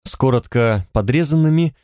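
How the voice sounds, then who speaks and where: A man narrates an audiobook in the first person, in a measured, detached way. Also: medium pitch, darkish tone, clear, resonant tone, dry recording, clean studio sound.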